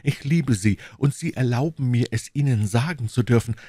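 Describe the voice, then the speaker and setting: A man's voice: mid-range voice, normal speed, warm tone, breathy edge, dry recording, studio quality, voice pushed up, natural voice. A man voicing a bold, devoted young swordsman in an audiobook, eager and declamatory. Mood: ardent. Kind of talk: audiobook reading, acted dialogue.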